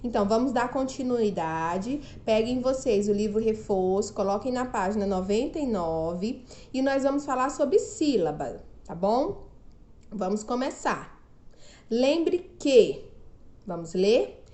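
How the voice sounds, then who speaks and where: A woman's voice: on the high side, expressive, a little mellow, echoey room. A woman from Brazil teaching a remote lesson to children, stretching out syllables and often asking "não é mesmo?". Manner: slow, drawn-out syllables, frequent "não é mesmo?".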